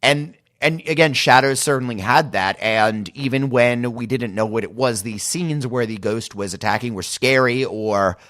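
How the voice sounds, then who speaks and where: A man's voice: mid-range voice, normal speed, hardly any pauses, a bit bright. A man co-hosting a podcast in casual critical chat, easygoing, often trailing off and restarting. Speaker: podcast co-host.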